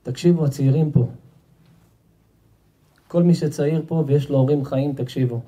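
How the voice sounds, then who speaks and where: A man, a rabbi, giving an emphatic sermon to guests at a house-warming gathering, often repeating himself and speaking straight to the crowd. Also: a little high, steady tone. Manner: emphatic, repeats himself, talks directly to the audience. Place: home gathering with an audience.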